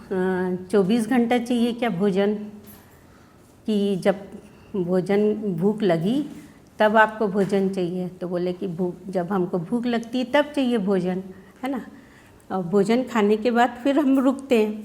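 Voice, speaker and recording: A woman's voice, a little high with a darkish tone, belongs to an Indian schoolteacher speaking at a workshop session. She describes her teaching of children through questions, acts out the kids' answers, and frequently tacks on "है ना?".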